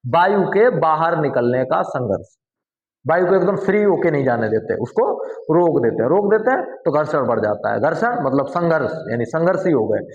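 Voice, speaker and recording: A man's voice: on the high side, lively intonation, normal speed, a little mellow, roomy sound, lo-fi sound. A man teaching a classroom lesson, explaining step by step and often putting questions to his students. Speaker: Hindi teacher.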